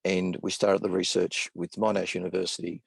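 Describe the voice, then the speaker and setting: A man with an Australian accent speaking on a video call, slow and deliberate, pausing often with "uh" as he explains his work. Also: low-pitched, level tone, gravelly, breathy edge, dry recording. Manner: slow and deliberate, many "uh" pauses. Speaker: co-founder of a consulting firm, guest speaker. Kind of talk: measured presentation on video call.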